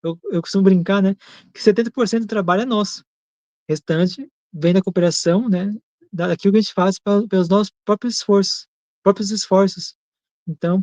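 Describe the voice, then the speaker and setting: A man co-hosting a Spiritist program, talking in a measured, thoughtful way and often repeating and restating his points. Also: high-pitched, a little mellow, no echo, highs cut off. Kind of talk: reflective teaching talk.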